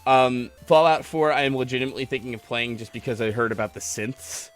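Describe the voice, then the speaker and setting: A man with a mid-range, brisk voice and fairly even intonation hosts a gaming livestream podcast, chatting casually with callers while he plays. He rambles in a geeky, self-deprecating way as retro video game music plays behind him.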